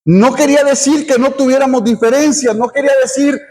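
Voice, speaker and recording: A middle-aged man preaches from the pulpit in a strikingly high voice. His delivery is earnest, circling back on words and adding an amen as he makes his point. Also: steady tone, brisk, dark tone. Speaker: pastor. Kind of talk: sermon.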